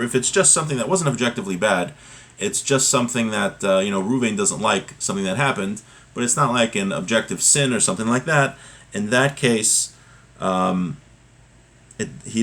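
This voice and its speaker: In an informal religious class, a man reads from a text and then translates and explains it point by point, rephrasing and repeating often. His voice is lowish and a bit bright.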